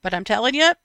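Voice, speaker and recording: A woman's voice: mid-range voice, no echo. A woman in her fifties telling stories in a casual chat, laughing often. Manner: chatty, laughs often, animated storytelling.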